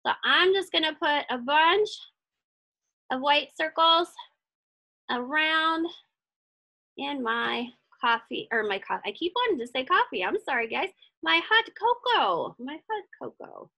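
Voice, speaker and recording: A woman teaches a craft in an easygoing way, taking learners through each step a little slowly. Her high voice makes big pitch swings and often goes creaky, and she stays chatty and encouraging, thinking out loud as she works.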